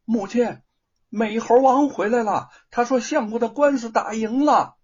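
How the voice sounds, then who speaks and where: A man voicing a gentle, eager young woman in a spoken storybook, talking high and excited. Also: measured pace, vocal fry, slightly rough, highs cut off, exaggerated voice. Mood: overjoyed.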